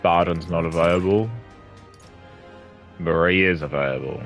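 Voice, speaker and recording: A man's voice: deep voice, a little slow, fairly bright tone, faint music behind. A man streaming a video game, chatting casually and thinking aloud as he plays and reads the lines. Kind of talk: casual gaming commentary.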